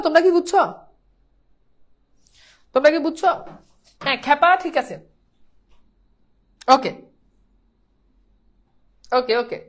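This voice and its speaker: A woman teaching a pronunciation lesson, repeating herself and coaxing students to say whether they understand. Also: sits high. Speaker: Bangla teacher.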